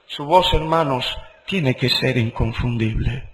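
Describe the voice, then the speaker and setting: A man preaching a sermon, emphatic and deliberate, repeating phrases and swinging between loud exclamations and hushed low passages. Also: a little hiss or hum, rough recording.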